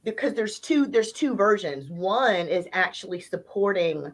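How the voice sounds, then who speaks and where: A woman's voice: mid-range voice, animated, poor audio. A woman hosting a casual interview chat in a playful, slangy way. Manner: playful, slangy, drawn-out emphasis. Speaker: podcast host.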